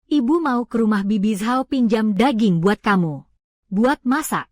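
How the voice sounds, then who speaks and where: A woman voicing a poor, gentle young mother in a dubbed drama, speaking softly and tenderly. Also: a little high, expressive, a little slow, no room sound, clean studio sound. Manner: soft and tender.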